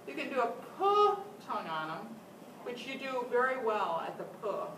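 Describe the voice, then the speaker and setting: A woman's voice: fairly high pitch, animated, fairly quick. An older woman teaching a flute master class, giving encouraging instructions and frequent praise. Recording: echoey room, distant mic, loud noise.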